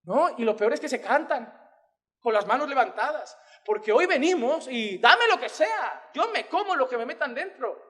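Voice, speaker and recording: A man's voice: very high-pitched, very animated, moderate pace, a bit bright. A man preaching an emphatic, impassioned sermon. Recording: long hall reverb.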